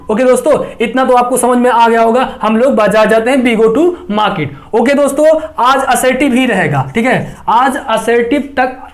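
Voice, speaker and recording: Teacher drilling sentences slowly. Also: male voice, very high-pitched. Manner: drills example sentences by repeating them slowly; asks the class questions and answers them himself. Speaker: English teacher. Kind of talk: online class teaching English translation.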